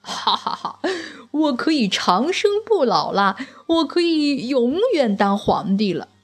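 A woman's voice: fairly high pitch, lively intonation, a little slow, soft background music, pitched above the performer's own voice. A woman voicing a ruthless, greedy old emperor in a children's storybook, with a haughty, bullying manner. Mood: gloating. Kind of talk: storybook character voice.

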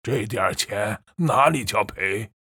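A woman's voice: a bass voice, lively intonation, measured pace, fairly bright tone, breathy edge, voice pushed down, exaggerated voice. A woman doing a crude fat thug. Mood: scornful. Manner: crude, leering. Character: fat male street thug, crude and leering. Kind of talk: audiobook character voice.

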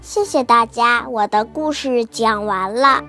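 A woman telling a bedtime story for small children, gentle and sing-song. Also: fairly high pitch, measured pace, loud music behind the voice.

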